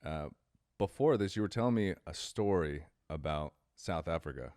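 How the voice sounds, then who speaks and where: A man's voice: deep voice, animated, moderate pace, a little mellow. A man hosting a fitness podcast, reading an upbeat intro and then chatting with a guest. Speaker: podcast host. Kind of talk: podcast interview.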